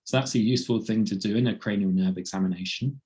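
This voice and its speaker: A man with a croaky, cold-roughened voice presenting a medical teaching webinar in a plain explaining way. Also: fairly low pitch, quick pace, mellow. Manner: plain explaining, light laughs.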